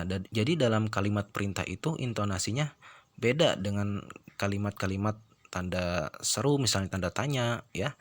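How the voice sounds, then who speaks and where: A middle-aged male teacher giving a lesson, explaining step by step and often checking in with his listeners. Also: on the low side. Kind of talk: classroom lesson.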